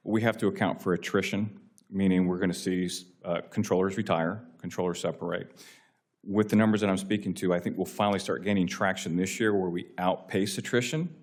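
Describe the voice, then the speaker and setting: In a legislative hearing room, an American man gives formal testimony as an agency official, phrasing things in a deferential, explanatory way. His voice is deep and steady, and he speaks a little fast.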